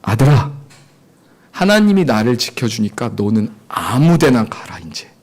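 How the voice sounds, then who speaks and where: A man, a missionary preacher, telling a personal testimony in a sermon with dramatic storytelling, acting out voices and shouting at the peaks. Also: medium pitch, sing-song, a little slow. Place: church service.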